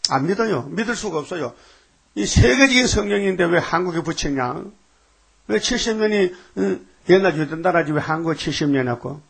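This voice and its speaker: A man's voice: sits high, expressive, a little fast, gravelly, a bit bright, breathy edge. A man preaching a sermon in a conversational, emphatic way, often throwing rhetorical questions at his listeners.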